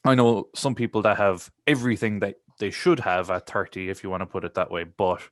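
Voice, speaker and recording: Low-voiced man musing. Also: steady tone, brisk, no room sound, studio quality. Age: 30s. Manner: rambling, reflective, many fillers and restarts. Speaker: podcast co-host. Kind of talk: casual chat.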